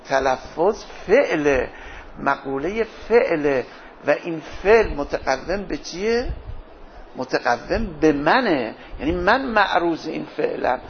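A man's voice: fairly high pitch, animated, a little hiss or hum. A man teaching a philosophy class, posing questions to his students and answering them himself. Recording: dull lo-fi lecture recording.

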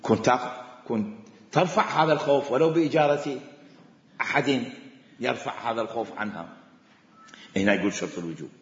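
A man's voice: medium pitch, brisk, long pauses. A man with an Iraqi accent teaching a class on religious law, repeating his points with emphasis as he explains. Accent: Iraqi Arabic. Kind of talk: classroom lecture. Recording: echoey hall, dull lo-fi sound.

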